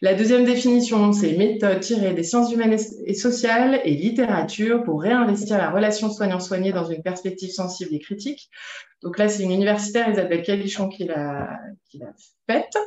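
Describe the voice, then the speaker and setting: A woman's voice: mid-range voice, a little fast, a little mellow. A woman veterinarian gives a presentation in a loose, conversational way, stopping often to find her words. She explains patiently, walking the audience through slides. The sound is roomy and a bit dull, like a lo-fi capture in an echoing space. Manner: conversational, explanatory, with frequent hesitations.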